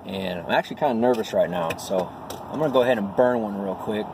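Sitting in a parked vehicle, a middle-aged man does a casual vlog with stand-up bits, speaking bluntly like an amateur comedian and throwing in profanity. He talks quickly in a lowish voice. The in-car sound comes from a distant phone or camera at arm's length, with faint noise.

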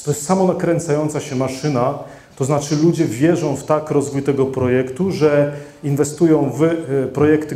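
With a mellow voice of medium pitch, a middle-aged man addresses the seated audience at a conference, holding a handheld microphone. His presentation is halting, marked by frequent fillers and restarts, and the hall lends the recording a roomy echo.

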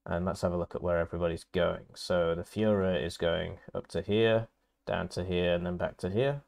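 Male game caster, deep voice with fry, stuffy nasal tone, relaxed wry walkthrough. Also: normal speed. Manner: talks through options, casual and wry. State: congested from illness. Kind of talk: strategy game commentary. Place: at home.

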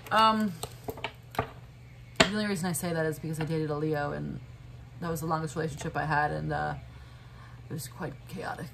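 A woman's voice: sits low, steady tone, normal speed, gravelly, pauses often, background noise. A woman giving a casual tarot reading, chatty and thinking aloud with fillers and little laughs. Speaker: tarot reader.

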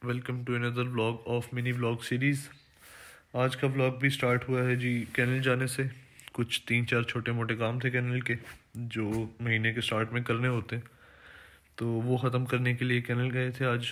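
Flat-voiced young man narrating. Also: medium pitch, measured pace. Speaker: vlogger. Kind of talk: casual vlog voice-over.

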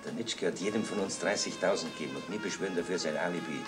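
Deep quick voice, stern wary crook acted by a man, old crime show. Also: music in the background, lightly acted. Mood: stern warning. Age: middle-aged. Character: stern, wary middle-aged accomplice in a murder cover-up. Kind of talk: 1960s German TV crime acting.

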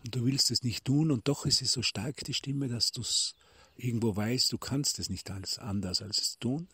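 A middle-aged man giving a devotional talk from a retreat, telling a story and addressing listeners as dear ones, sometimes dropping to a hushed near-whisper, recorded as a phone voice message. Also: medium pitch, normal speed, husky, dry recording. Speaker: spiritual teacher. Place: retreat in Tuscany.

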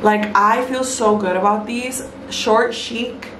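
A woman's voice: fairly high pitch, fairly even intonation, takes it slowly. Woman, 30s, chatty vlog talk, Spanish phrases mixed in, echoey bathroom, background noise. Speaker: vlogger. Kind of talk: casual skincare vlog chat. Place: small bathroom indoors.

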